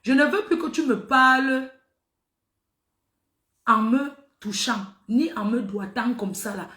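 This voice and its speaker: A middle-aged woman talks straight to her viewers, telling a story in an animated, emphatic way and hammering her points home by repeating them. Her voice sits high and sounds bright and forceful. The recording has a noticeable roomy echo. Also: takes it slowly. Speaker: social media personality.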